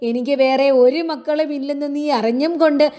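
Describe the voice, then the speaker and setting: A woman's voice: high voice, fairly even intonation, a little fast, warm tone, lightly acted. A woman reading aloud, voicing a grief-stricken older mother who wails and laments. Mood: wailing. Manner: wailing, lamenting cries.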